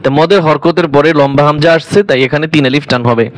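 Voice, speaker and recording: A man teaching recitation letter by letter, naming each letter and vowel mark and then reciting the words slowly. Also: fairly high pitch, dry recording. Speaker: Quran reading teacher.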